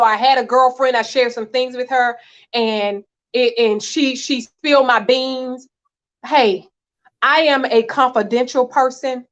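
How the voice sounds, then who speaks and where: High-voiced earnest woman coach. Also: dull audio. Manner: earnest, encouraging, speaks directly to the listeners. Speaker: marriage coach guest. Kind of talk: heartfelt church talk show chat.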